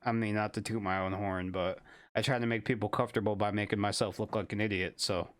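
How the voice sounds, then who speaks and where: A man's voice: lowish voice, steady tone, fast talker. A young man hosting a casual podcast, goofy and laughing often, swearing freely as he wraps up the episode. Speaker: podcast host.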